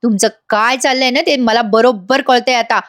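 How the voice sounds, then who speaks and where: Woman voicing a jeering, accusing young husband, high-pitched, sneering. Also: steady tone, normal speed, fairly bright tone, close to an everyday voice. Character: angry scheming young husband, man.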